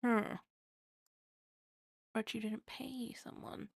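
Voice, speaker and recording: A woman with a fairly high, gravelly voice chats her way through a game stream in a dry, close-sounding recording. Her commentary is loose and self-mocking, full of little jokes at her own expense as she reads letters out loud. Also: level tone, drawn-out words, dry recording. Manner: chatty, self-mocking asides while reading game letters aloud. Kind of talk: casual let's play commentary.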